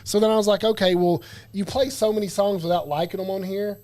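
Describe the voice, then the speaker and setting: High male voice, casual rambling co-host, jokey and loose. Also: fairly even intonation, mellow. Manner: rambling, jokey, quick to laugh. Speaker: podcast co-host. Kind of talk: casual chat. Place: studio.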